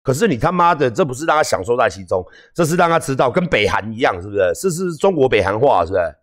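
A Taiwanese livestream host with a Taiwanese Mandarin accent goes on a heated, profane rant, swinging between calm lecturing and yelling. He talks fast at a medium pitch.

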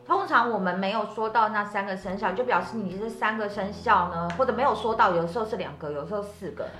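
A woman's voice: medium pitch, quick pace, a bit bright. A woman co-hosting a casual chat, explaining things and laughing along. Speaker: co-host. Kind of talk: casual chat about zodiac fortunes. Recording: echoey room.

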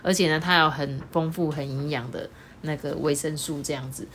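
A woman's voice: deep voice, steady tone, fairly quick, slight background noise. A woman reading a children's picture book aloud, with chatty explaining asides. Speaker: storyteller.

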